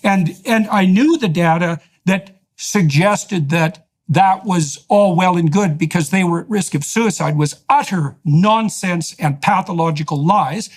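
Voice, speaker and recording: A man hosting a heated interview, pressing his points forcefully in long, winding sentences. His voice sits a little higher than most men's. He stacks clause upon clause without letting up. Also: unhurried, few pauses. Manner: emphatic, forceful arguing in long run-on sentences. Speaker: podcast host.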